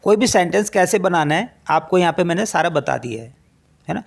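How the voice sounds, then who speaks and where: A man, a native Hindi speaker, teaching spoken English in a lesson, reading out example sentences slowly and repeating them for practice. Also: high voice, lively intonation, vocal fry.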